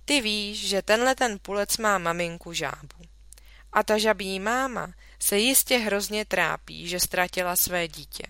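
A woman voicing a calm, patient father in a children's story, speaking in a soothing, reasoning way. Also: medium pitch, no echo. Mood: gentle. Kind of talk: storybook reading.

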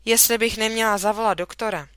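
A woman's voice: a little high, steady tone, fairly bright tone, smooth, no room sound, lightly acted. A woman voicing a worried mother who fusses anxiously over her son, in a storybook reading. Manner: anxious, fussing.

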